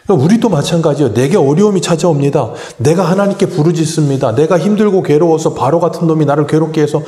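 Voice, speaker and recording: Man, pastor, sermon, asks and answers his own questions, mellow voice, echoey church. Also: a little high, fast. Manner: asks the congregation questions and answers them himself. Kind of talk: early-morning sermon. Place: church sanctuary.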